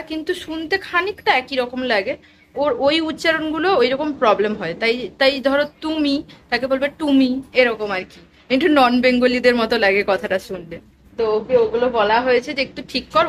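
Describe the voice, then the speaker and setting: A woman's voice: fairly high pitch, slight background noise. A woman in her thirties, a mother, chatting casually to camera at home, cooking and talking about her family in an easy, doting way. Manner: chatty, doting baby talk with her child. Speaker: vlogger and mother. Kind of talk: casual home vlog narration. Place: home kitchen.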